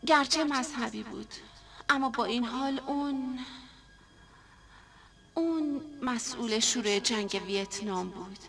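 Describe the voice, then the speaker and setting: A woman's voice: on the high side, vocal fry, long pauses, fairly bright tone. An actress dubbing a young woman who is giving a formal speech in an earnest way. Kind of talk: film dub.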